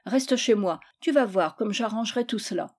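A woman voicing a doting, gruff aristocratic father who blusters in a storybook reading. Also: mid-range voice, lively intonation, normal speed, darkish tone, natural voice. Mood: blustering. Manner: blustering, indulgent.

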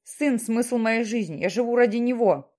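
A woman's voice: fairly high pitch, normal speed, dark tone, lightly acted. Woman voicing a desperate torn father. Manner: pleading, protesting. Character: anguished middle-aged father, torn and desperate.

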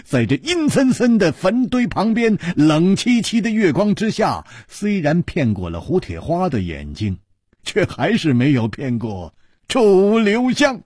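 Husky storyteller with a dramatic delivery. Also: male voice, huge pitch swings, measured pace, a little mellow, dry recording, studio quality. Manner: dramatic, shifting tempo and pitch. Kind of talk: traditional long-form storytelling broadcast.

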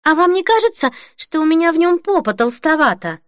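A woman reading an audiobook voices an excitable young bride-to-be who squeals and gushes. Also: very high voice, a little fast, dry recording, clean studio sound, pitched above the performer's own voice. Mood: anxious. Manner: gushing, breathless exclamations.

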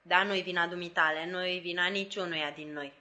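A woman reading the part of an old weathered ex-convict, a rough man who speaks in a hoarse, broken murmur. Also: on the low side, fairly even intonation, pushed and bright. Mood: pleading.

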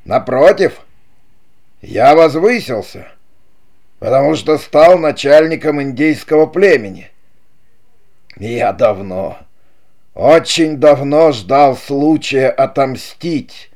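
A man's voice: medium pitch, slow pace, a little mellow. A man voicing a vengeful, mocking male chief who taunts his brother in an audiobook, sneering and cruel. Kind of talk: audiobook character reading.

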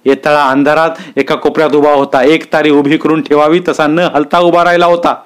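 A man reading a village story aloud in a steady, unhurried storybook manner. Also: on the high side, smooth.

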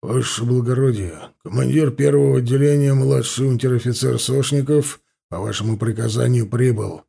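A man's voice: medium pitch, normal speed, creaky, dark tone, husky. A man voicing an older veteran sergeant, servile to officers and grumbling among his own.

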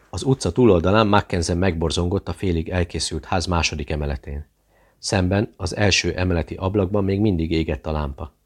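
A man reading a thriller aloud as audiobook narrator, steady and measured. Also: low voice.

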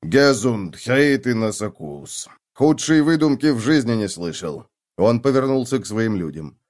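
A man reads a gruff guard sergeant in an audiobook, growling and curt. His mocking tone swings lively in pitch as he gives orders. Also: a little slow, natural voice. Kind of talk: audiobook character voice.

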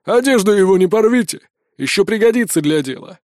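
A man's voice: high-pitched, animated, fairly quick, a little mellow, no echo, clean studio sound. A man voicing a mocking male bandit who barks orders at his gang in an audiobook reading.

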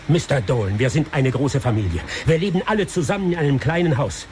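A radio-drama barber, a humble man who has been whipped, pleads his case as an actor plays him. The voice sits a little high and swings widely as he implores. Faint noise hangs behind him. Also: expressive, fast, a little mellow, close to an everyday voice. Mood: earnest. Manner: earnest, imploring, rising in pitch when upset.

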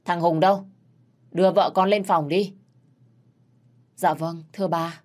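A woman's voice: on the low side, fairly even intonation, unhurried, a little mellow, natural voice. Woman voicing a stern older father-in-law. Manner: firm, reproving.

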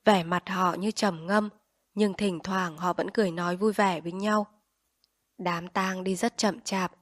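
Calm woman reading a story aloud. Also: medium pitch, no room sound, clean studio sound. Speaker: narrator. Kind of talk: audiobook reading.

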